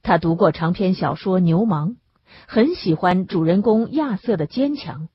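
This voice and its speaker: Husky woman narrating an audiobook. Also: lowish voice, unhurried. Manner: expressive storytelling. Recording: dull lo-fi dry recording.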